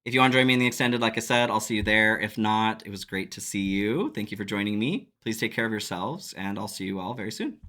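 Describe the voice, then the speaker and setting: Relaxed low-voiced male tarot reader. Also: fast talker, few pauses. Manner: relaxed, reflective, laughs often. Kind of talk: casual spiritual tarot reading.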